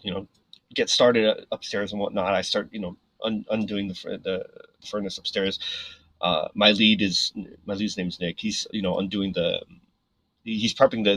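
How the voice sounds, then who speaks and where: A man, a podcast guest, tells a story in a casual, animated way, with many fillers and a husky voice. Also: on the low side, dry recording, poor audio. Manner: animated, filler-heavy, frequent "right?".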